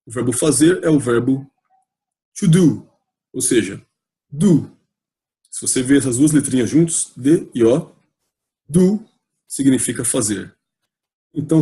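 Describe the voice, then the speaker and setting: A man's voice: medium pitch, dark tone. A man with a Brazilian Portuguese accent teaching an English grammar video lesson, patient and repetitive, spelling out letters as he explains.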